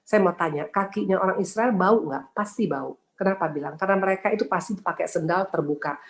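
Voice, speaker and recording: A woman preaching a sermon at a brisk, rapid pace. She peppers her talk with rhetorical questions and speaks to her listeners as sisters. Her voice carries a roomy echo. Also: fairly low pitch. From Indonesia. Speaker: women's ministry speaker.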